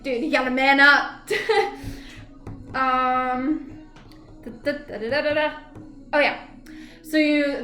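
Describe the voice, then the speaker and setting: A high-pitched woman chats loosely to camera, rambling and laughing as she goes. Her voice bounces around a noticeably echoey room, and faint music plays underneath. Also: fairly bright tone. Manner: chatty, rambling, often laughs and hums filler syllables. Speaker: vlogger reviewing a TV episode. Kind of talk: casual rambling chat to camera.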